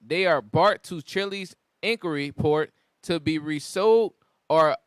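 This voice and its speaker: A man with a high voice in a close, dry recording. He reads news aloud in a halting way and speaks casually. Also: clear, resonant tone, dry recording. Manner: halting reader, stumbles over words. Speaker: article reader on a group discussion show.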